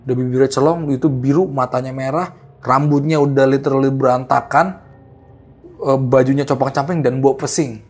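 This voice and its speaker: A young man casually tells a horror story in a lively, slangy way. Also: mid-range voice, moderate pace, breathy edge. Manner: animated, acts out the people in his story, slangy. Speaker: guest storyteller.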